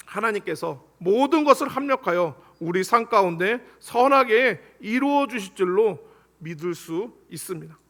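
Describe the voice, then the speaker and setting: A male pastor delivers an earnest sermon in a church sanctuary. His voice sits very high for a man and rings bright and forceful. He leads the congregation through scripture readings.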